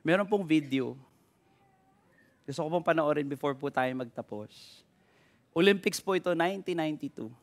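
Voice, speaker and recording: A man's voice: a little high, moderate pace, long pauses. A Filipino pastor preaching energetically, calling out to his congregation and switching freely between Tagalog and English. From Philippines. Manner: energetic preaching with repeated call-outs to the congregation. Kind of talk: sermon. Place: church.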